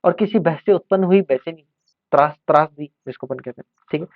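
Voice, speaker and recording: A man's voice: a little high, brisk, no echo. A male teacher giving an exam-prep lesson, explaining terms and repeating words to drill them. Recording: dry, tinny phone-like sound.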